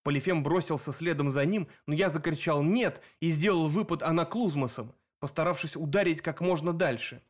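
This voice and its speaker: A man reading a first-person action audiobook aloud in a steady, vivid storytelling manner. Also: fairly high pitch, fairly quick, few pauses. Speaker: audiobook narrator. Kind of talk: first-person scripted narration.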